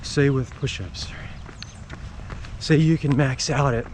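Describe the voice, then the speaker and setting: A man's voice: mid-range voice, slow, a little mellow, a little hiss or hum. A man vlogging while jogging outside in the rain, explaining things casually in short, broken phrases. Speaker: running vlogger. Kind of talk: casual explanatory vlog talk while running. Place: outdoors on a run in the rain.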